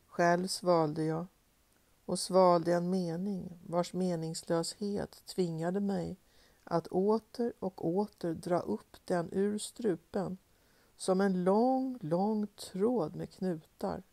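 A woman reads poetry aloud in a low voice with a gravelly, creaky edge. Her tone is dark and mellow, and the close, dry recording has no room sound. She recites in a measured, rhythmic way and leans into the repeated refrains. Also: fairly even intonation, no echo. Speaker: poetry reader. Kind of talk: poetry reading.

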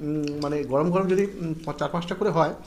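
Fast-talking man chewing while talking. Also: fairly high pitch, slight background noise. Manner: relaxed, humming between bites. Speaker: co-host of an eating show. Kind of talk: casual food commentary.

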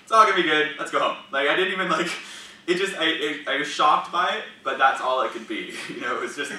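A man's voice: fairly high pitch, fast, very noisy. A young man telling personal stories in a casual, rambling way, full of "like" fillers and laughs. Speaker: speaker sharing personal experience. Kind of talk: casual storytelling talk. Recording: echoey room, mic at a distance.

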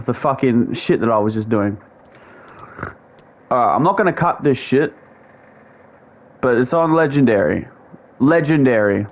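A man giving angry, profanity-laden commentary as he plays a football video game, ranting and exasperated. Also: a little high. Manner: ranting, heavy swearing, exasperated outbursts. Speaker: gamer.

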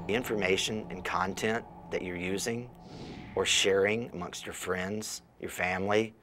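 A middle-aged man speaking for a tech company in an interview, in a measured, explanatory way. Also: low voice, fairly even intonation, fairly bright tone, a little hiss or hum. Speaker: company spokesman.

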